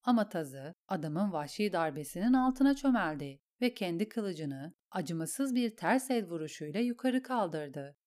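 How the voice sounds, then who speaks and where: A woman narrating an audiobook in a steady, measured storytelling voice. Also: lowish voice. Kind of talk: audiobook reading.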